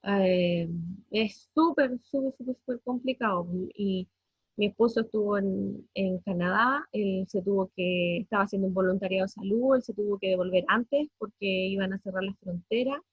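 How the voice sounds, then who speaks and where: A woman in her thirties with a Chilean accent gives an emotional family testimony, halting, with many fillers and repeated words. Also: medium pitch, slightly rough, no echo, highs cut off. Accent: Chilean Spanish. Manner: halting, many fillers and repetitions, voice breaking with distress. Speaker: parent giving a family testimony.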